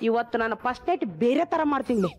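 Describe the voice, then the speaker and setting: A woman's voice: fairly high pitch, lively intonation, fast, close to an everyday voice. A woman playing a bumbling, nervous young groom in a comedy sketch, speaking with a North Karnataka Kannada accent, boastful one moment and flustered the next, with mock-poetic outbursts. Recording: loud background noise.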